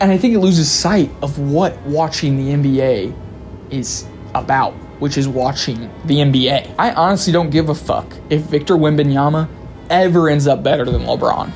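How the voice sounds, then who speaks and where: Male reviewer, fairly high-voiced, blunt and profane, talks straight to camera over faint music. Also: darkish tone. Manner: candid, profane, conversational. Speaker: video reviewer. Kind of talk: opinionated video commentary. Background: faint background music.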